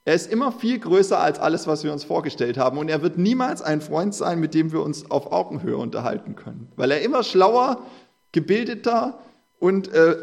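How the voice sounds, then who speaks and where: A male preacher talking to his congregation in an earnest, conversational sermon. His voice sits a little higher than most men's. When he reads scripture he slows right down and leans on the words. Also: vocal fry, darkish tone.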